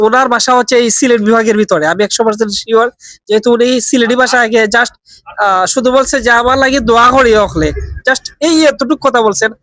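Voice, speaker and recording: A man's voice: very high-pitched, fairly bright tone, no room sound. A man with a Bangladeshi Bengali accent making an urgent appeal video outdoors near a roadside petrol pump, speaking earnestly and slipping into Sylheti dialect. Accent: Bangladeshi Bengali, switching to Sylheti dialect. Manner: urgent, earnest pleading for shares. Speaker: social media volunteer vlogger. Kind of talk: appeal video talking to camera.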